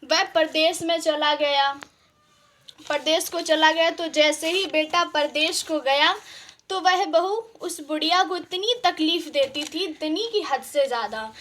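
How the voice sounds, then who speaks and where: A woman's voice: high-pitched, unhurried, fairly bright tone, slight background noise. A woman telling a folk tale in simple, repetitive storytelling with frequent fillers. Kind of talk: oral folk tale narration.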